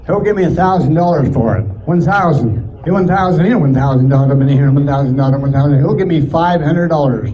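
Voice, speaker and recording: A man working as an auctioneer, calling bids in a repetitive, rhythmic, rapid chant of numbers at a live event. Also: a little high, dark tone, dull audio.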